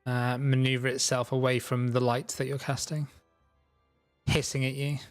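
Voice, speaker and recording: A man's voice: mid-range voice, little pitch movement, moderate pace, no room sound, faint music behind. Casual man running a tabletop game. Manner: casual, loose, swears freely. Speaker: dungeon master.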